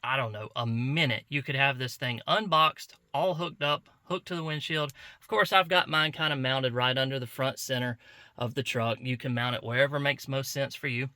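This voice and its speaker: A man's voice: mid-range voice, normal speed, bright, forceful tone, no echo. A man reviewing a product, talking through its setup in a folksy, conversational way. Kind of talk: casual product review demo.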